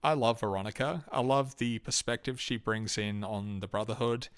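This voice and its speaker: A young Australian man rambles through his opinions in a loose, halting way, full of ums, uhs and restarts. His voice sits a little low and comes across smooth and clean. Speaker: YouTube host ranking game companions. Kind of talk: casual unscripted commentary.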